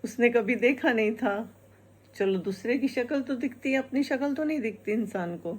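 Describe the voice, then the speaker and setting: A woman's voice: a little high, normal speed, breathy edge. A woman telling a folk tale in a casual, chatty way, often repeating her phrases. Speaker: storyteller.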